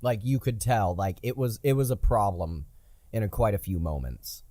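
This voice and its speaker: A man hosting a podcast in casual chat, from the United States, rambling and swearing with excitable energy. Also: on the low side, normal speed, no room sound. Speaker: podcast host.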